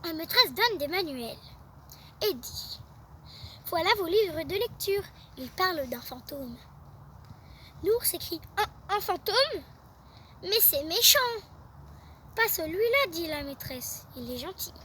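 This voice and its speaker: A young woman reading a children's bedtime story aloud, with a lively read-aloud manner. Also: very high voice, takes it slowly, pauses often, distant mic, a little hiss or hum.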